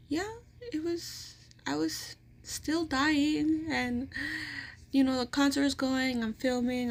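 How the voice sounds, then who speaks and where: A woman's voice: a little high, creaky, a bit bright. Rambling woman telling a story. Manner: rambling, full of "like" fillers and restarts. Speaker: vlogger. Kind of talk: casual storytelling.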